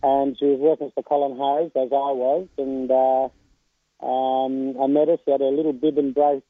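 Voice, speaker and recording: A man who trains racehorses, speaking over a phone line in a radio phone interview, halting and full of filler sounds. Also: medium pitch, flat delivery, no echo. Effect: heard over a phone line.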